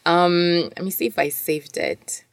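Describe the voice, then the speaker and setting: Female co-host, native French speaker, slightly low register, informal and effusive delivery, close dry sound. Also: animated, measured pace, no room sound. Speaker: podcast co-host discussing articles and poetry. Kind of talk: casual discussion with some poetry reading.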